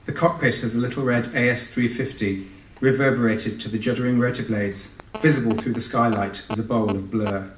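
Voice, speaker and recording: At a live hall event, a British-accented author reads from his work in a medium-pitched voice, keeping a steady tone at a fairly quick pace. The mic is far off in an echoey space, with a little hiss or hum.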